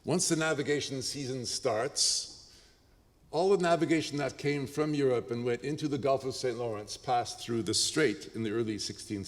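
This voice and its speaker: A man with a Canadian accent lectures at a conference, lively and joking, often pausing on uh and um. His mid-pitched voice rings with long hall reverb. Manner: lively, joking asides, frequent ums and uhs.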